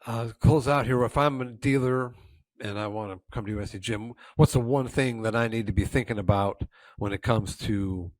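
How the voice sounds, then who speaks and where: A man's voice: lowish voice, no room sound. A man hosting a business interview as the editor, friendly and given to teasing asides.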